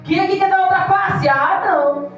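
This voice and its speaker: Woman pastor, passionate sermon, distant mic in a reverberant church, soft music under. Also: extremely high pitch, moderate pace, dull audio. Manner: impassioned, mimics congregants in quoted voices. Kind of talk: evangelical sermon. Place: church hall. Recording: echoey church hall from far off.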